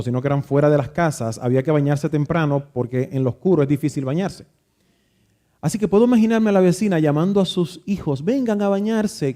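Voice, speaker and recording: A man's voice: on the high side, dark tone. Man telling a sermon story. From Dominican Republic. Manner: reflective, nostalgic storytelling with frequent restarts. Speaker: pastor.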